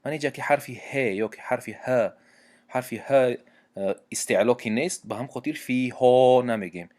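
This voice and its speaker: A man with a Tajik accent teaching a Quran recitation lesson, explaining pronunciation patiently with repetitions and hesitant pauses. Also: mid-range voice, darkish tone. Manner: patient, repeats points and examples, frequent hesitations.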